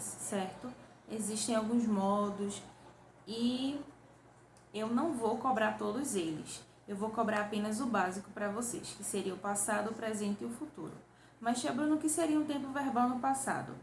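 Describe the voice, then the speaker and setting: Woman teacher going over lessons for kids, bit high-pitched, echoey room, faint hum behind. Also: creaky. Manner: patient, asks and answers her own questions; counts aloud slowly with pupils. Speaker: primary school teacher. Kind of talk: classroom review lesson.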